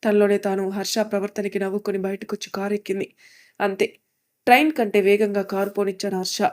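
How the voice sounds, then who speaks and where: A woman storyteller reading a serialized audio story with steady, expressive narration. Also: mid-range voice, fast talker.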